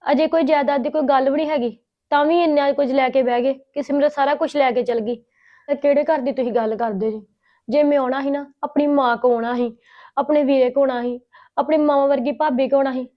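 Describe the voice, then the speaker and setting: A woman's voice: high-pitched, fairly even intonation, fairly quick, lightly acted. A woman playing a tearful grieving daughter. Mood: hurt. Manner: tearful and pleading. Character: grieving married daughter who has lost her mother. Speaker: lead character Simrat. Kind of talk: Punjabi family drama acting. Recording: slightly dull recording.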